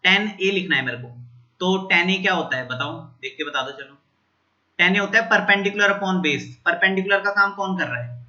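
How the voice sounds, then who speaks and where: Bright-voiced man teaching maths. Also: high voice, normal speed, lo-fi sound. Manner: repeats steps and checks in with students. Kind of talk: whiteboard maths lesson.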